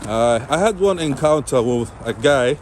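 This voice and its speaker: With lively intonation and a medium-pitched voice at moderate pace, a male travel vlogger chats while walking a winter city street. Traffic noise surrounds him as he speaks to viewers and interviews people in a friendly, casual way.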